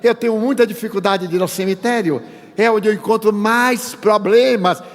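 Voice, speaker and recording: A man's voice: high-pitched, normal speed. An older man from Bahia giving a spiritist lecture in sermon style, telling humorous anecdotes and acting out the dialogue. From Bahia, Brazil. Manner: storytelling, acts out dialogue, humorous. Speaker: spiritist speaker. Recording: reverberant hall.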